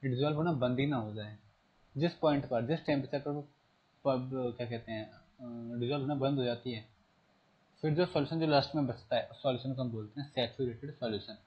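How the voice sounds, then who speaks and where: A man teaching a class, asking his students questions and repeating key terms, reading English text slowly. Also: medium pitch, lo-fi sound. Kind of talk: classroom lesson.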